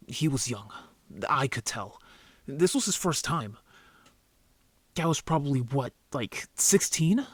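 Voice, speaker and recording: This audio drama roleplay features a man as an injured young werewolf, a brother who's defensive and easily embarrassed and speaks in a casual, halting way. His voice is mid-range, and the recording is dry.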